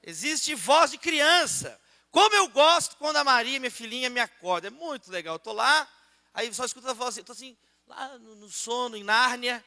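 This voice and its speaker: A man with a Brazilian Portuguese accent preaching a sermon and praying in a church auditorium, switching between loud prayer and softer asides. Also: extremely high pitch, animated, moderate pace, big-room sound. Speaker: pastor.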